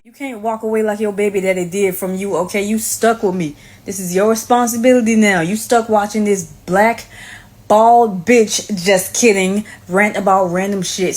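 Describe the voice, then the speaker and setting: Brash, profane woman ranting to camera. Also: mid-range voice. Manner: brash, sassy and profane, often adds "okay?". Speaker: vlogger. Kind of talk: profane comedic rant to camera.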